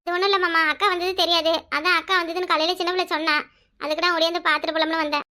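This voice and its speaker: A woman voicing a quarrelsome, sharp-tongued village wife in a cartoon, with a Kanyakumari Tamil accent, scolding in rapid complaints. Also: extremely high pitch, little pitch movement. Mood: explaining. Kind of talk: cartoon voice acting.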